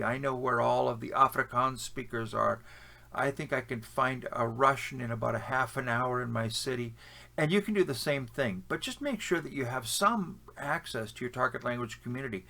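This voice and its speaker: A gravelly, bright, forceful voice at medium pitch belongs to a Canadian-accented language-learning vlogger. He speaks casually to the camera, giving opinionated advice full of fillers and restarts.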